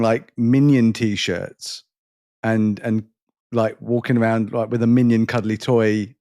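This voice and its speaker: A man's voice: mid-range voice, a little mellow, no echo, clean studio sound. A middle-aged man with a London and Surrey accent, hosting a podcast in casual, rambling, self-deprecating chat. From England. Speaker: podcast host.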